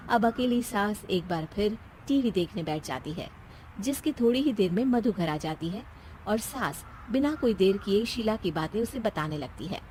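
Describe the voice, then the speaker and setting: A woman's voice: mid-range voice, lively intonation, moderate pace, noisy background. A woman narrating a scripted children's story in the present tense.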